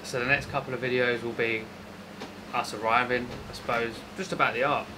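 A man's voice: mid-range voice, fairly even intonation, a little fast, noisy background. A man, chatting casually and joking on a sailing catamaran. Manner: jokey, laughs easily. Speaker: sailing vlogger. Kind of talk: casual chat. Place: outdoors on a sailing catamaran at sea.

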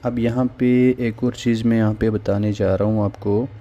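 A man with a fairly low, mellow voice and little pitch movement talks at a moderate pace, with the highs cut off. He hosts a phone repair tutorial, narrating a voice-over on a screen recording as he casually walks through a repair tool. He keeps dropping "theek hai" between steps as a filler.

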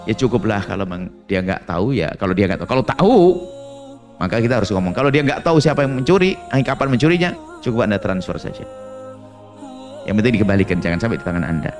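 A man preaching a sermon in an animated storytelling way, acting out little dialogues and laughing along. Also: lowish voice, quick pace, faint music behind.

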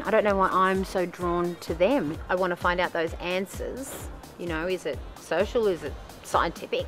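A middle-aged woman, narrating her own documentary in a chatty, self-deprecating way, laughing between phrases. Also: medium pitch.

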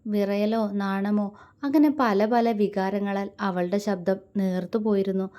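A woman's voice: medium pitch, fairly even intonation, unhurried, dark tone. Woman reading a romance story.

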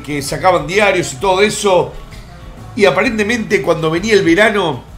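A middle-aged American man with a high-pitched, somewhat bright voice hosts a live stream from a room in his Miami home. As streamer host, he rambles through a crude comic countdown, full of vulgar jokes and asides.

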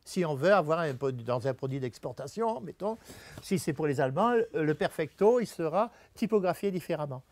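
In front of an audience at a venue, a man gives a step-by-step typography talk, pausing to check in with his listeners. He speaks fairly quickly in a fairly high, animated, slightly mellow voice, with no echo.

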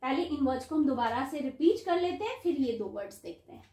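Woman, phonics teacher, high voice, sounds out words part by part, roomy echo. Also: animated, warm tone. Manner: sounds out words slowly, calls students "beta". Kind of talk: online phonics lesson.

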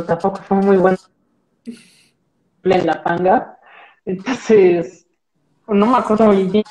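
A young Mexican man speaks as a guest over a laptop video call from a small plain room. His voice is mellow and soft-edged, and he rambles easily, leaning on fillers and little tag questions as he thinks aloud. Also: sits high, poor audio. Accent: Mexican Spanish. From central Mexico. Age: young adult. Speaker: guest, marine biologist. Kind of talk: casual video-call interview chat.

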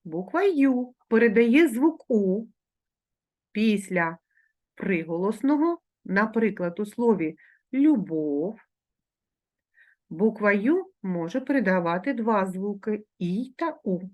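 Woman teacher spelling out sounds slowly. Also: medium pitch, expressive. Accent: Ukrainian. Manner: slow, careful pronunciation of sounds and words. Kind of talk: remote lesson for schoolchildren.

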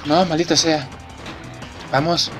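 A young man giving excitable, swear-filled commentary while playing a racing game. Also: a little high, slow pace. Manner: excitable, swears a lot, reacts loudly to the race. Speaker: let's play gamer. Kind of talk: live gameplay commentary. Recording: game music behind the voice. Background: racing game music and sound effects.

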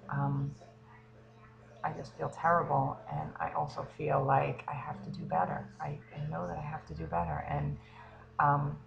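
A woman in her thirties, a fitness coach, speaking haltingly and close to tears in a confessional vlog. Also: deep voice, creaky, noisy background. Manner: hesitant, halting, frequent ums. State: emotional, near tears.

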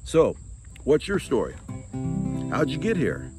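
A man's voice: medium pitch, wildly swooping pitch, a little slow, voice pushed up. A man voicing a curious angel who questions a newcomer to heaven in an incredulous, quizzing manner. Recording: music bed playing behind.

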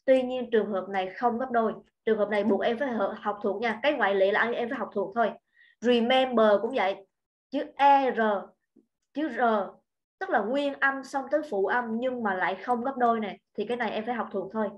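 A female English teacher runs an online grammar class, explaining patiently and checking in with the students again and again. Her voice sits somewhat high. The sound is dull and lo-fi, as from a computer mic. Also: fairly quick. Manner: patient, repeats points and checks understanding.

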